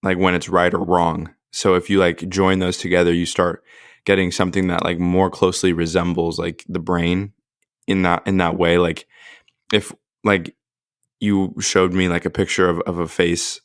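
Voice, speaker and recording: Deep, flat-voiced man thinking aloud. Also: moderate pace, no echo, clean studio sound. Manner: thinks aloud, with many filler likes. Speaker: podcast co-host. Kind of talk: casual discussion.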